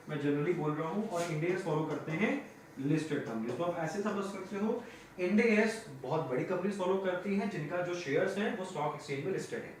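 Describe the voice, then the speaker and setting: A high-pitched male teacher lectures on audit terms, asking his class questions and answering them himself. His voice rings through a very echoey room, picked up from a distance with faint noise behind.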